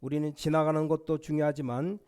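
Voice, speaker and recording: Emphatic pastor preaching, higher voice. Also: male voice, level tone, fairly quick, clear, resonant tone. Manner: emphatic preaching, voice rising to near-shouts on quotes. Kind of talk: sermon.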